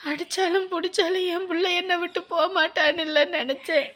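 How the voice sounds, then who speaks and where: A woman's voice: very high-pitched, moderate pace, fairly bright tone. An actress playing a hot-tempered village mother, crying and lamenting for her child. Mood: grieving. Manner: sobbing lament.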